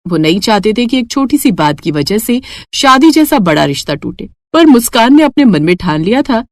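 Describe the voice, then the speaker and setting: A woman giving scripted narration for a cartoon story, steady storytelling. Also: fairly high pitch, normal speed, dry recording.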